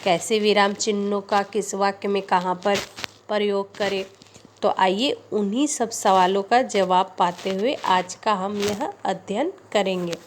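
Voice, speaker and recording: A woman teacher explaining grammar in a slow, deliberate way, repeating example sentences. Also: mid-range voice, a little hiss or hum. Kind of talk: Hindi grammar lesson.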